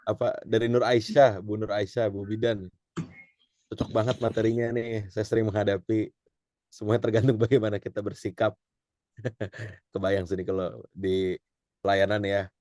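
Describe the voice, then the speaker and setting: A man, a doctor, moderating an online webinar, chatty and quick to laugh as he reads out comments. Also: lowish voice, little pitch movement, mellow, no echo. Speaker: doctor, co-presenter.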